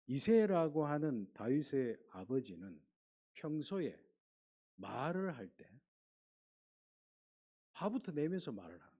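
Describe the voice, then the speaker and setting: A male pastor giving a sermon, reading scripture aloud and putting questions to the congregation. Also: fairly high pitch. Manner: animated preaching, reads scripture aloud, asks the congregation questions.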